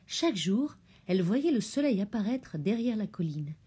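A woman reads a children's tale aloud in a gentle storybook manner. Her pitch moves in a lively way, and her tone is mellow and soft. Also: normal speed, breathy edge. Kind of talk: storybook narration.

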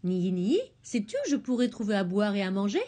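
A woman voicing a lively, headstrong little girl in a storybook, eager and bold. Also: mid-range voice, fairly quick.

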